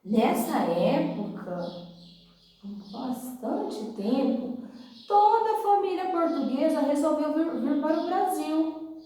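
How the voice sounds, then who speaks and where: Brazilian female preschool teacher in kids-show host mode, high voice, unhurried delivery, simple repeated explanations, recorded away from the mic in a very echoey room. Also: animated, mellow, distant mic. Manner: simple explanations addressed to small children, with repetition. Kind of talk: children's lesson and storytelling, like a kids show host.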